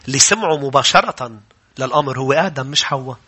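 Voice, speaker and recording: A man's voice: medium pitch, quick pace, slightly rough. A male pastor with a Lebanese Arabic accent, preaching a sermon to his congregation and putting questions to them. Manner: animated preaching, quoting scripture, asking the congregation questions; rises to loud urgent preaching. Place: church before a congregation.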